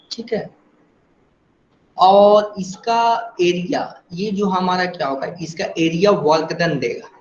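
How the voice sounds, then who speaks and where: Indian male lecturer, high voice, roomy and muffled online recording, methodical and questioning. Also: slight background noise. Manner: explains step by step, asks rhetorical questions, frequent "theek hai". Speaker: engineering teacher. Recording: dull roomy online class audio.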